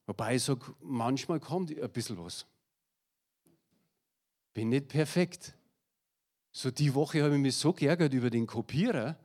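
A middle-aged man delivers a sermon in a church hall, his voice sitting a little higher than most men's. He talks straight to the congregation, lively and personal, dropping in small jokes at his own expense. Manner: lively, addresses the congregation directly, with a slide presentation; personal anecdotes with self-deprecating humor. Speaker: preacher.

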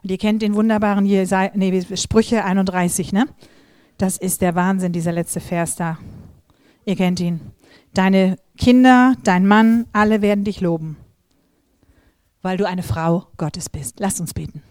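Middle-aged female preacher, mid-pitched, storytelling sermon delivery with direct address, dry recording. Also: a little slow, dry recording. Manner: lively storytelling, acts out quoted voices, addresses audience directly. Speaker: preacher at a women's gathering.

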